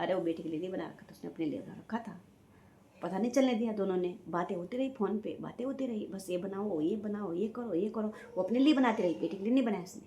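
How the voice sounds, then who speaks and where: A woman's voice: medium pitch, mellow, a little hiss or hum. An older woman from Uttarakhand giving impassioned, scolding commentary on her vlog, repeating her points with indignation. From Uttarakhand, India. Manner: indignant, scolding, emphatic repetition. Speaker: vlogger.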